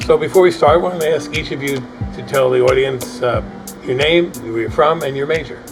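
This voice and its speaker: A man's voice: on the high side, fairly quick, music in the background, poor audio. A man hosting a panel discussion with students, asking rambling, hesitant questions. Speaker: host.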